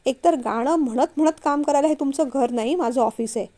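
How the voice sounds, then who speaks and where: A stern middle-aged father from a storybook, firm and scolding as he corrects his son, read by a woman. The voice sits high and sounds mellow. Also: a little fast, natural voice.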